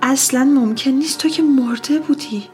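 A woman's voice: sits high, steady tone, mellow, soft background music, voice pushed up, close to an everyday voice. A woman voicing an aunt who shrieks in disbelief, convinced she sees a ghost. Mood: shocked.

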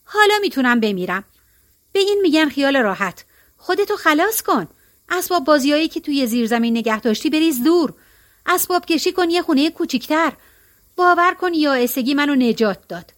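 A woman's voice: high-pitched, expressive, fairly bright tone. A woman voicing a blunt, teasing middle-aged woman in a storybook reading, with a matter-of-fact way of talking.

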